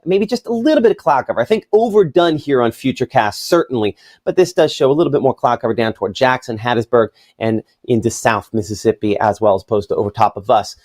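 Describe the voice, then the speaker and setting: A man's voice: mid-range voice, expressive, fast, hardly any pauses, a little mellow. A man presenting a live TV weather forecast as chief meteorologist, talking in a loose, chatty way with fillers and asides. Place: TV weather studio.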